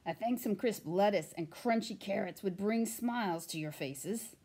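A woman voicing a bossy, impatient female rabbit in a storybook reading, brisk and huffy. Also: mid-range voice, mellow, husky, close to an everyday voice. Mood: advising.

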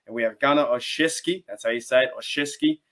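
A man's voice: mid-range voice, fast talker, fairly bright tone. A young Australian man chats enthusiastically to his webcam about his team, often restarting his sentences and wandering into asides. He talks from a small room at home into a desk mic, in a loose, casual commentary style. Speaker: sports channel host. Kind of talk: casual fan commentary to camera.

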